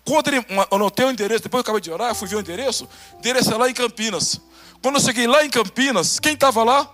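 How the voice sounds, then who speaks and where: High-pitched bright-voiced Brazilian pastor. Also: male voice, rapid-fire, faint music behind. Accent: Brazilian Portuguese. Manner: animated storytelling, acting out dialogue, swings between loud and hushed. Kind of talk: sermon with testimony.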